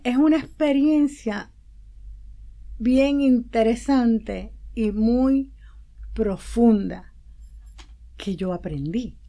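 A woman's voice: fairly high pitch, mellow. A woman guest on a radio show, telling a personal story with feeling and acting out the dialogue she quotes. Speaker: guest, promoter and publicist. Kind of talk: casual interview talk. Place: radio studio.

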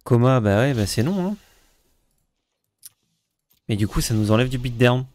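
A man co-hosting a card-game stream in casual chat, animated and self-mocking as he plays. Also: medium pitch, measured pace. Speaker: co-host, player.

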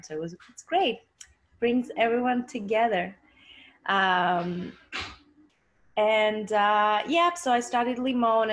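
A woman's voice: on the low side, rough recording. A young woman from Greece, a dancer, talking on a video call from her living room couch, with many fillers and restarts. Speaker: dancer and choreographer guest. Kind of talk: casual interview on a video call. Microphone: laptop webcam on a video call.

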